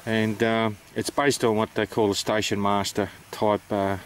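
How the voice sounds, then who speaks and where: An Australian man talks through practical details in a low voice with very little melody. He is unscripted and hesitant, explaining things in a plain, matter-of-fact way. There is some noise behind him. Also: little pitch movement, a little slow. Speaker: amateur radio operator presenting. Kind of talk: informal explanatory vlog.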